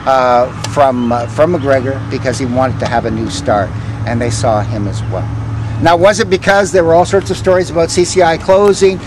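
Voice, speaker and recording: An older man, a former vice principal now leading a ghost walk, tells stories conversationally to a walking group outdoors on a town street. His mid-range voice pauses hesitantly and lets line ends trail off. Faint traffic noise comes through the outdoor recording.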